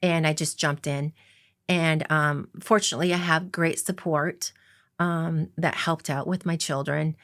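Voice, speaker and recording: A middle-aged woman speaks low in her register with a gravelly fry running through her words. She tells her story as an interview guest, earnest and reflective, pausing on filler ums as she thinks. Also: fairly even intonation, a bit bright. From Coeur d'Alene reservation, Idaho, US. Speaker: interview guest, casino executive.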